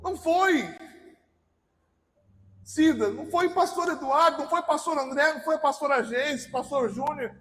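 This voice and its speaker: A Brazilian man preaching a sermon in a church, fervently shouting and leading the congregation in repeated declarations. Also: very high-pitched, moderate pace, pauses often, a little hiss or hum, rough recording. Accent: Brazilian Portuguese. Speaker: pastor. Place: large church sanctuary.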